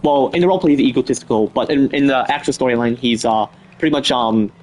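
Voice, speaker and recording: A man's voice: medium pitch, fast, a little mellow. A man hosting a live stream, chatting casually and rambling with lots of fillers and restarts. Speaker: stream host. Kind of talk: casual chat.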